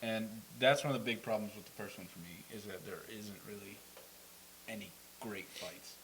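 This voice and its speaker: A man's voice: fairly low pitch, moderate pace, a bit bright, rough recording. A young man co-hosting a casual fan talk show, joking and slipping into silly voices. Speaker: co-host. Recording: faint hiss.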